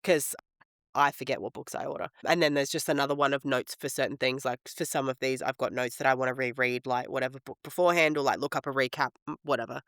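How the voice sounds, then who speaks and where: A man hoarse from a head cold, with a smoker's rasp, chatting casually and informally as a podcast co-host. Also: medium pitch, fairly even intonation, quick pace, fairly bright tone, dry recording, studio quality. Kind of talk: casual chat about books.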